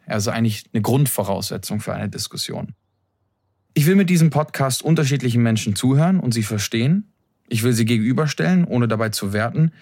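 An earnest young man speaks as a podcast host at a middle pitch, reflective and measured. The sound is close and dry. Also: a little mellow, no room sound. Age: young adult. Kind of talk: reflective scripted intro monologue. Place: his room, seated in an armchair.

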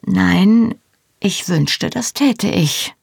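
A bruised, stoic young man, as a woman reads him speaks in a gravelly, husky voice. He answers in short, dry replies in a storybook reading. The sound is close and dry. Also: on the low side, lively intonation, extremely slow, darkish tone, dry recording, voice pushed up, exaggerated voice. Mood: wry.

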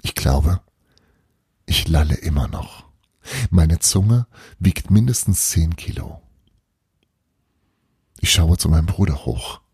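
A man reading a first-person novel aloud in a hushed, often half-whispered way. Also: low-pitched, lively intonation, slow pace, creaky, long pauses, slightly rough, no room sound, studio quality. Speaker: audiobook reader.

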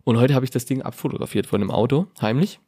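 A man co-hosting a casual podcast, telling rambling stories in a jokey, animated way. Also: medium pitch, racing, husky. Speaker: podcast co-host. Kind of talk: casual chat. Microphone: remote call.

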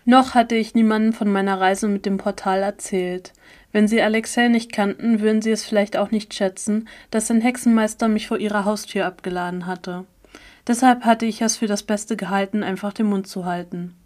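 A woman narrating a first-person story aloud in a steady, expressive reading. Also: medium pitch, moderate pace. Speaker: audiobook narrator.

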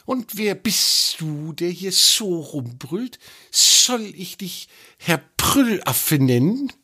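A man voicing a small, fussy but friendly female cave snake with a hissing, high, slow voice in a children's story. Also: lively intonation, bright, forceful tone, slightly rough, full character voice. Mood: teasing. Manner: slow, drawn-out speech.

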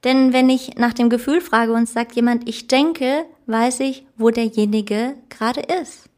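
A woman's voice: fairly high pitch, fairly even intonation, unhurried, a little mellow. A woman coach giving an earnest, emphatic self-help talk, who laughs at her own slips. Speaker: life coach. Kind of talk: motivational self-help monologue.

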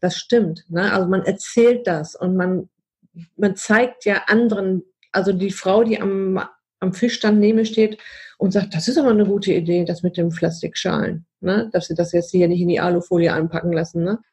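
Woman host, chatty storyteller, breathy tone. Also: lowish voice, fairly even intonation, moderate pace, a little mellow. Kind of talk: casual conversation.

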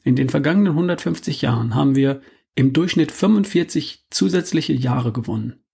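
A middle-aged man hosting a podcast, delivering a calm, measured, scripted monologue. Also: on the high side, gravelly, breathy edge. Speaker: podcast host.

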